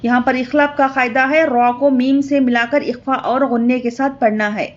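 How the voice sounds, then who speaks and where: A woman teaching Quran reading, spelling syllables slowly and drawn out, with quick explanations of the rules in between. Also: sits high, fairly even intonation, dull audio. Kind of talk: slow letter-by-letter spelling lesson.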